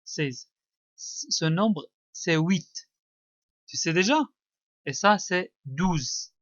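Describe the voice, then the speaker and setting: Speaking with a Moroccan accent, this male primary teacher tests a child's reading one-on-one, slowly repeating words, gently encouraging and switching between French and Arabic. His pitch sits slightly high with a fairly bright tone and no echo, captured on a dull, dry, lo-fi recording.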